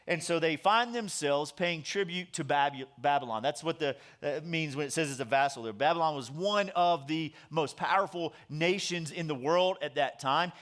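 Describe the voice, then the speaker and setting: A man's voice: on the high side, a bit bright. A man preaching a sermon as pastor, conversational and joking, drawing in his audience.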